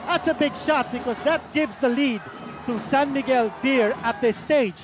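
Man, color analyst, very high pitch, arena crowd, noisy old broadcast. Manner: explanatory, measured analysis. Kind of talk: live basketball analysis. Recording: archival broadcast over loud arena crowd.

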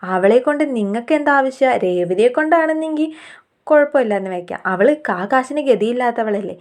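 A woman's voice: fairly high pitch, animated, normal speed, a little mellow, natural voice. A woman reading out a scornful rich mother-in-law. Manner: sneering, looks down on poor people.

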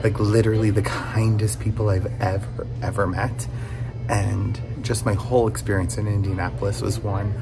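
An American vlogger in his thirties chats casually at home, his voice congested and giving out from a cold. He talks at normal speed in a lowish, creaky, flat voice over music, recorded on a handheld phone or camera held at arm's length.

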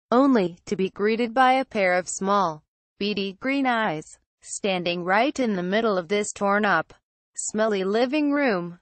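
A woman reading a horror story aloud in a steady, somber storytelling manner. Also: mid-range voice, no room sound. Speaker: narrator.

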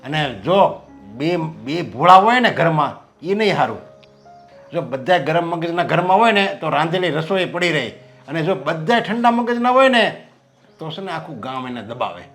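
A firm, lecturing middle-aged father, reasoning in homespun sayings. His voice sits a little high for a man, with soft music running behind him. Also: lively intonation, moderate pace. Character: stubborn traditional father arranging son's marriage.

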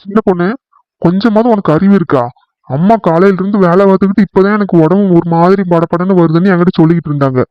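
A tired village husband in a cartoon, voiced by a man, who scolds with weary exasperation. His voice stays fairly high for a man. The sound is dry and dull. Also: fast talker, clean tone, dry recording, close to an everyday voice. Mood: scolding.

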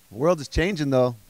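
A man's voice: fairly high pitch, darkish tone, no echo, poor audio. Exasperated ranting male stand-up comedian. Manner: exasperated, ranting rhetorical questions.

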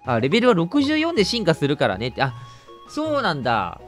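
A man with a Kansai accent giving joking, lively let's play commentary as a game streamer. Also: fairly high pitch, a little fast, faint music behind. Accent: Kansai Japanese. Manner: joking, exaggerated indignation, lively reactions.

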